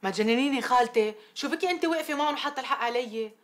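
A woman's voice: high-pitched, racing, slight background noise, close to an everyday voice. An actress playing a defiant young woman who has just married, speaking. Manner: defiant, then soft and whispery on the phone. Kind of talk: TV drama acting.

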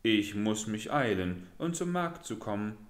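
Man doing a loud, pushy trickster. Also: fairly low pitch, big pitch swings, echoey room. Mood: wheedling. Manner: loud, brisk, offhand bargaining.

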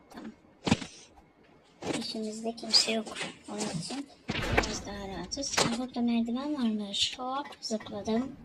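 Woman gamer chatting through an obby, slow easy talk, bit high, noisy background. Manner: talks to herself and the game, jumpy exclamations. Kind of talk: let's play commentary.

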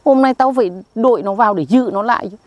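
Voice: mid-range voice, fast talker, darkish tone, dry recording, highs cut off, close to an everyday voice. A performer playing a boastful, dim-witted old village man, who answers back in a blustering, defensive way.

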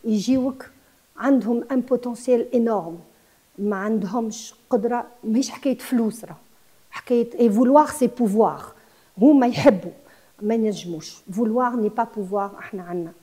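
A woman's voice: fairly high pitch, fast, warm tone, breathy edge. A Tunisian woman in her sixties who runs a guesthouse, speaking with passion as a TV interview guest and mixing in French words. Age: 60s. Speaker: guesthouse owner.

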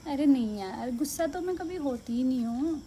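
A woman speaking softly and gently in a comedy skit, claiming her voice is naturally quiet. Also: sits high, lively intonation, normal speed, very noisy. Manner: soft-spoken, gentle, mock-innocent.

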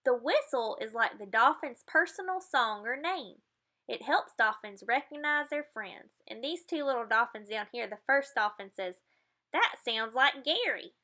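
Bright-voiced woman reading a picture book. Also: a little high, lively intonation, moderate pace. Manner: explains the pictures, adds playful sound effects. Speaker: reader of a children's picture book.

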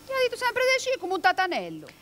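A woman acting a sharp-tongued, nosy village gossip in a stage comedy, speaking Italian dialect from the Marche. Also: very high-pitched, huge pitch swings, fast, heavily acted. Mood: catty, gossiping. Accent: Marche dialect, Italy. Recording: noisy theatre stage recording.

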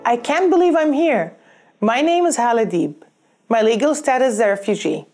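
A woman with a fairly high voice delivers a prepared graduation speech. She speaks earnestly and at a measured pace, recorded facing the camera indoors. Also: expressive, darkish tone, faint music behind. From Syria. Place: plain indoor backdrop, in cap and gown.

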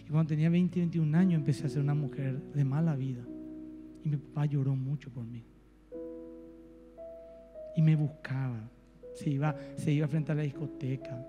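A man with a Paraguayan Spanish accent preaching a sermon, telling a story and swinging between soft and emphatic delivery. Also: medium pitch, lo-fi sound. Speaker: pastor. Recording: reverberant church hall with faint music.

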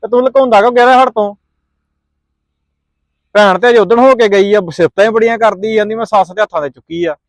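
A man playing a calm younger brother who consoles his brother-in-law on the phone. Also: high voice, brisk, long pauses, no echo. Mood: consoling. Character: younger brother of the mother, reassuring on a call. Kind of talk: family drama vlog acting.

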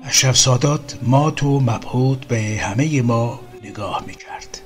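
A man calmly narrating a first-person story in a measured, even reading. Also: mid-range voice. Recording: faint music underneath.

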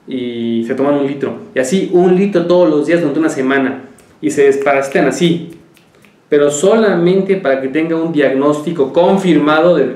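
A man's voice: a little high, darkish tone, echoey room. Joking man giving home remedies. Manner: chatty, tells jokes. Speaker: naturopathic doctor host. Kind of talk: casual health talk show.

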